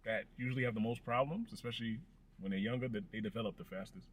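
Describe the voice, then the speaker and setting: Guy cohosting a podcast in a car, talks super fast, keeps repeating himself, asks lots of questions. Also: fairly low pitch, breathy edge, dry recording. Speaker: podcast co-host. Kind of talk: casual interview.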